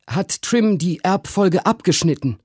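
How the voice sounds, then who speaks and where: A man voicing a gentle, naive old retired captain in a literary reading. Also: sits high, animated, measured pace, slightly rough, no echo, clean studio sound, pitched above the performer's own voice, heavily acted. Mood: mild. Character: gentle, childlike old male ex-captain, the uncle.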